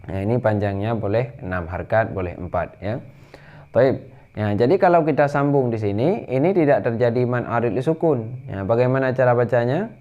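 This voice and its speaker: A man teaching tajwid, explaining rules briskly and then reciting verses slowly in a higher chant. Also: lively intonation, mellow, highs cut off.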